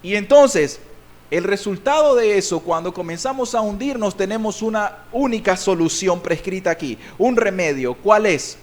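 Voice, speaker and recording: A man from Nicaragua preaching a sermon as pastor, swinging between loud and soft delivery and drawing out key words slowly for emphasis. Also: high-pitched, animated.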